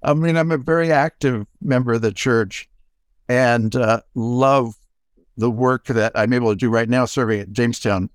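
An older man, a music professor, giving a reflective, halting acceptance talk full of pauses and restarts. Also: mid-range voice, no room sound, studio quality. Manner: halting, many fillers and restarts. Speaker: award recipient, music professor.

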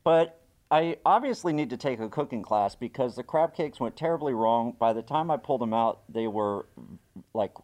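A man's voice: medium pitch, expressive, moderate pace, a little mellow. A man on a casual podcast whose voice sounds muffled and hollow, echoing as if inside a silo because he wears a plastic face shield over the microphone, answering in an easygoing, agreeable way. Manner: easygoing, agreeable, short replies. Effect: muffled, hollow echo from a plastic face shield, like inside a silo. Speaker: regular guest food reviewer.

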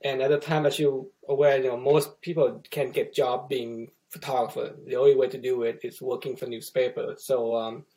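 Thai-born man telling stories haltingly. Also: mid-range voice, flat delivery, dark tone, poor audio. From Thailand. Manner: halting, many restarts and fillers. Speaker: guest photographer. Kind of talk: casual interview storytelling.

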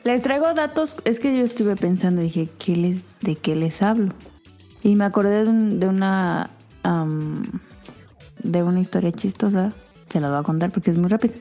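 A woman tells a long anecdote on a podcast in a relaxed, chatty way. Her voice is mellow and warm, with soft music playing faintly behind her. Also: medium pitch, normal speed. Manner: chatty, animated anecdote teller. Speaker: podcast co-host. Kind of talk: casual storytelling chat.

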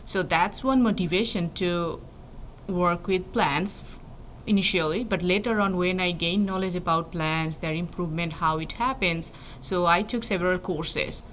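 This young woman from Bangladesh, a PhD student in plant breeding, responds to an interviewer thoughtfully, often restarting and using fillers. She speaks at a moderate pace in a lowish, slightly bright voice, with faint noise in the background.

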